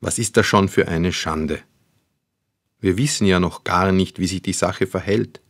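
A man's voice: deep voice, measured pace, dry recording. A man voicing a grumpy, weary old father who speaks sternly and dryly. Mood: calming. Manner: stern, dry, sighing.

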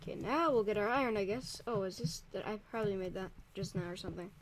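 Talking fast in a high voice, a teenage-sounding guy hosts a Minecraft server and rambles through his let's play commentary, jumping at things easily. He sits in a room at home near a window, moving off and on his desk mic, and the background is noisy.

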